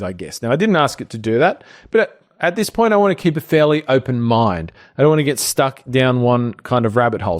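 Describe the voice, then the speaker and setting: Relaxed and explanatory, a middle-aged Australian man who co-hosts a business training show guides viewers through a screen-share tutorial. He thinks aloud and uses fillers, and his pitch is medium.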